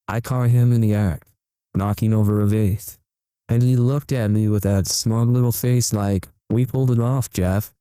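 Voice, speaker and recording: A man acts out an earnest cat owner in an infomercial parody, melodramatic and devoted. His voice is low and very mellow, recorded close and dry. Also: no room sound, close to an everyday voice. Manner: melodramatic, reverent sincerity. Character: earnest, overexcited male cat owner giving infomercial testimonial.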